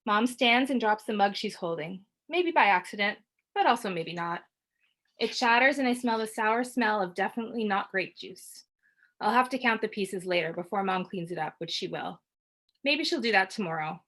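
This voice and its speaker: At a book launch, a female author reads her literary fiction aloud in a quiet, measured way. She narrates steadily in the first person, and her mid-range voice stays even and unhurried.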